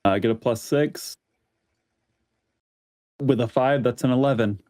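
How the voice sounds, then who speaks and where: A man's voice: mid-range voice, unhurried, a little mellow. A man playing a tabletop game who talks casually, throwing in "dude" and "bro". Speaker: player.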